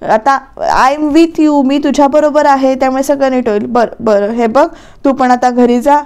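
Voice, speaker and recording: A woman's voice: high voice, fairly even intonation, moderate pace, darkish tone, clean tone. A woman voicing a young man who is newly in love but worried about his work, in a serial recap, reading his lines in a chatty, rambling way.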